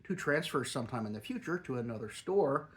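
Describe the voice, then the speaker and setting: A man's voice: mid-range voice, expressive, brisk. A middle-aged or older man chatting casually and rambling like a home reviewer, talking with a lip full of dip. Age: middle-aged or older, a grandfather. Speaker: product reviewer.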